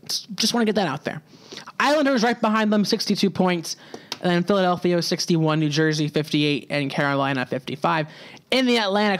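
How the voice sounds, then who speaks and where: A young man with a notably high, smooth voice hosts a solo hockey podcast. He speaks casually, often restarting his sentences, and throws in the occasional sarcastic aside.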